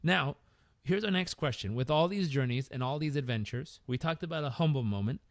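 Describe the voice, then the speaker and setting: A man's voice: on the high side, animated, a little fast, no echo. A man hosting a podcast interview, encouraging and affirming his guest. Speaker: podcast host. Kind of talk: casual interview.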